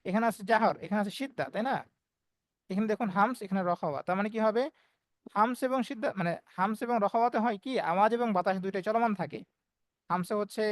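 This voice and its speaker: A man's voice: high-pitched, no echo. A man teaching Quran recitation in an online class, explaining step by step and voicing the letter sounds as examples.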